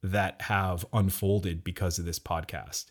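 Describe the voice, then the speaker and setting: Low-voiced reflective man. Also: flat delivery, measured pace. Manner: reflective, rambling with restarts. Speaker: podcast co-host. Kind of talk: casual chat.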